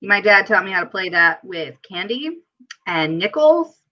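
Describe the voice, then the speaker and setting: A woman's voice: medium pitch, big pitch swings, measured pace. A woman hosting a casual livestream chat, giggly and talkative, reading viewer comments aloud. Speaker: livestream host. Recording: dull lo-fi stream audio.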